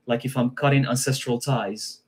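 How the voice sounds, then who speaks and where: A man talking casually in a live-stream conversation, relaxed, laughing often and repeating his phrases. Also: mid-range voice, moderate pace. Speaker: guest practitioner.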